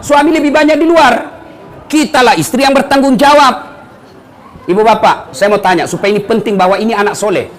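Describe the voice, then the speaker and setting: A middle-aged man preaching a lively sermon to an audience, telling stories with jokes and acting out quotes. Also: sits high. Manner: animated storytelling with jokes and acted quotes. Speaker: Islamic preacher.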